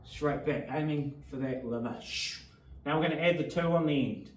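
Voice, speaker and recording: A man's voice: on the high side, normal speed, recorded from a distance. Male boxing instructor demonstrating combinations with short cues and punching breaths; roomy echo, faint noise. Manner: sharp breathy exhales while demonstrating punches. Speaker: boxing coach.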